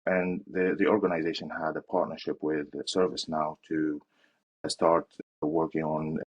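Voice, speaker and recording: A young man from Syria, an interview guest, answers questions hesitantly, using fillers and restarting himself. His voice is extremely low with a level tone, a moderate pace, and a breathy edge, and the sound is lo-fi.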